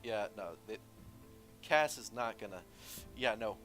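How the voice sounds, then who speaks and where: Male game master, bright sharp voice, stumbling casual narration over soft music. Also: on the low side, lively intonation, rough recording. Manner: halting, many fillers and restarts.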